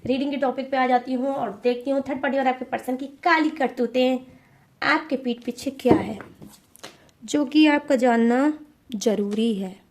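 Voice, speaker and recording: A woman's voice: sits high, fairly even intonation, normal speed, a little hiss or hum. Coaxing woman reading tarot to viewers. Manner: repetitive, coaxing, keeps checking in with "okay?". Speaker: tarot reader.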